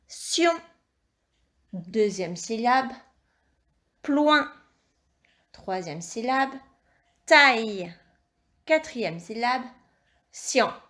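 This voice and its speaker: A woman teacher giving a dictation lesson to young children, speaking slowly and articulating each syllable with encouraging instructions. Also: fairly high pitch. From France. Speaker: primary school teacher.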